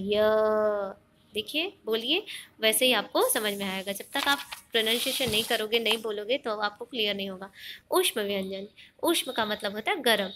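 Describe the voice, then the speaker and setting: A woman's voice: on the high side, bright, forceful tone. A woman teaching an online grammar lesson, explaining step by step, asking the class questions and mixing in English words.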